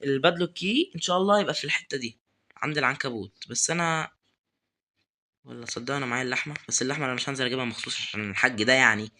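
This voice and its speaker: Brief: young Egyptian guy, quick bright delivery, jittery horror-game commentator. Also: mid-range voice. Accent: Egyptian Arabic. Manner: nervous, muttering prayers, taunting the game. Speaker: gaming YouTuber.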